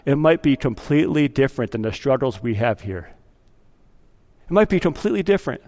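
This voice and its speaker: A man's voice: medium pitch, sing-song, fairly quick, darkish tone, long reverb tail. A man preaching a sermon as pastor of a church, talking conversationally, acting out quoted voices and asking his congregation questions. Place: church sanctuary.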